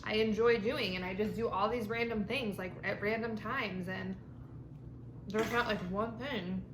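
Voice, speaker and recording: Casual female vlogger, mid-pitched, informal rambling delivery with mild swearing; roomy echo, noticeable background noise. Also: steady tone, measured pace. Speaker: vlog host. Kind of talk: casual rambling chat to camera while eating lunch. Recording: echoey room with clear background noise.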